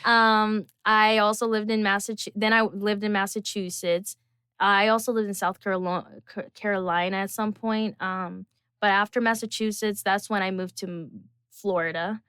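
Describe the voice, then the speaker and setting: A woman's voice: medium pitch, steady tone, moderate pace, fairly bright tone, clear, resonant tone, no echo, clean studio sound. A young woman from Brazil, a singer chatting as an interview guest in a bubbly, rambling way with many fillers. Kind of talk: casual interview chat.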